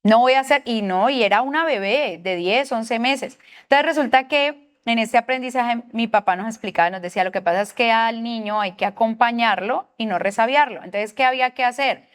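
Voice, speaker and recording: A woman's voice: fairly high pitch, a little fast, clear, resonant tone. A middle-aged Colombian woman with a Colombian accent giving an earnest church parenting talk, putting questions to her listeners. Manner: earnest, asks the audience questions. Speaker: parenting class teacher at a church.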